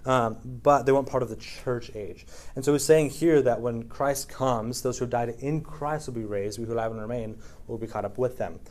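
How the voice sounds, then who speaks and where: A preacher teaches a Bible study as a conversational sermon, reading scripture aloud, using frequent fillers and repeatedly checking in with "right?" His medium-pitched voice has a darkish tone and moves at normal speed.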